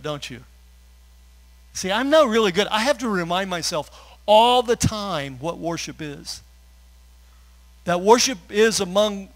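Emotional man preaching a relaxed sermon. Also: high-pitched, low-quality recording. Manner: conversational preaching with fillers and asides; gets emotional, laughs through his words. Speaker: pastor.

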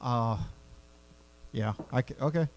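A man's voice: mid-range voice, low-quality recording. Man, co-writer, casual story planning, hesitant, questioning. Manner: hesitant, questioning, halting restarts.

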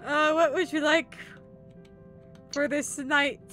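A woman's voice: high-pitched, fairly even intonation, slow pace, a bit bright, faint music behind. A woman playing an awkward young male gamer on a date, talking in a hesitant, stumbling way. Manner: hesitant, stumbling, breaking into laughter.

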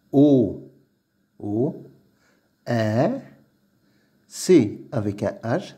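A man teaching early reading, sounding out letters and syllables slowly and repeating each word twice. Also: mid-range voice, dark tone.

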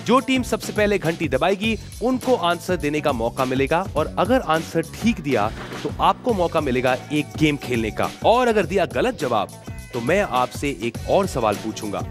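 Bouncy high-voiced game show host man. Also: sing-song, moderate pace, over music. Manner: joking, teasing contestants. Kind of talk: lively game show hosting. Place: TV studio stage.

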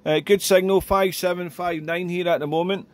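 A man's voice: high voice, fairly even intonation, moderate pace. A man chatting as an amateur radio operator, making contacts with callsigns and phonetic spelling. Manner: chatty, repeats "there" and phrases.

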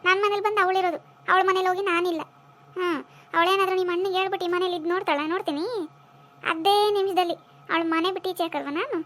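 A woman's voice: very high-pitched, steady tone, fast, fairly bright tone. A woman voicing a bossy scolding mother-in-law. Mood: scornful scolding. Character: sharp-tongued, scornful mother-in-law. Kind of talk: cartoon drama voice acting.

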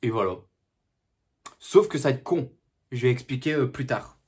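Husky-voiced man ranting casually. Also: mid-range voice, expressive, normal speed, darkish tone. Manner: slangy, repetitive, with sudden mock outbursts. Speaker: film reviewer. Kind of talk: casual film review chat.

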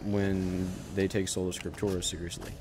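Deep, flat-voiced man rambling over gameplay. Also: background noise. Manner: rambling, halting, self-correcting. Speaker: gaming channel host. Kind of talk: casual gameplay commentary.

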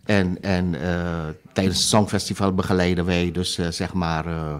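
A man's voice: low voice, level tone, normal speed, clean tone. A man in his sixties from Suriname, a musician talking in an interview, hesitant with many fillers and restarts. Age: 60s. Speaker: guest musician. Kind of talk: interview conversation.

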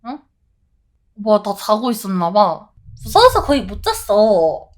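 Heavy background noise surrounds this VTuber's medium-pitched voice, which swoops wildly in pitch and moves a little slowly. She plays a horror game, reading its lines aloud and shrieking and swearing at every scare.

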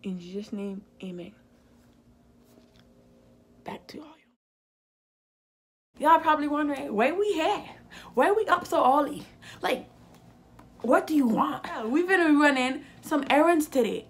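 A woman's voice: sits high, animated, measured pace, pauses often. A young woman vlogging in a casual, playful way, chatting straight to her viewers as she runs errands. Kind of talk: casual vlog chat to viewers.

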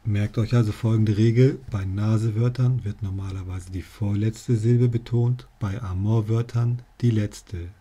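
A man's voice: on the low side, steady tone, unhurried, few pauses, mellow, breathy edge. A male teacher explaining spelling rules to learners, with dry jokey asides. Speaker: language teacher.

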